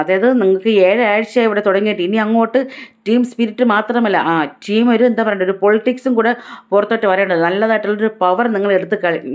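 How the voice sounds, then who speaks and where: A woman vlogger talks through a reality show episode at a rapid clip in a middle-pitched voice. She keeps her retelling chatty and casual, with frequent tag words, as she lays out who said what. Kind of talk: casual episode recap narration.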